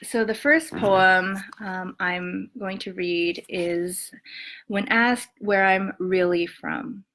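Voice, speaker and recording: Recorded at home on what sounds like a webcam mic, a woman poet from Montana and western Colorado, USA, gives a poetry reading with spoken introductions. She reads her verse in a measured, quiet way, then talks about her book in a soft, halting voice filled with ums. Her pitch is ordinary and mid-range, and her intonation stays fairly even.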